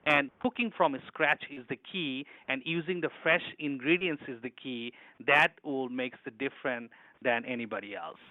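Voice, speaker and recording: A man's voice: mid-range voice, moderate pace, no room sound, narrow, tinny audio. A middle-aged man from Bangladesh, an executive chef answering interview questions earnestly, with frequent restarts and broken grammar.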